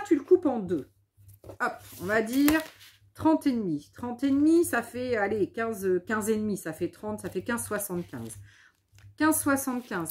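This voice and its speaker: A woman's voice: on the high side, darkish tone, slight background noise. Tired woman chatting through a craft demo. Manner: thinks aloud and scolds herself playfully. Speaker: scrapbooking video host. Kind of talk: casual craft demonstration.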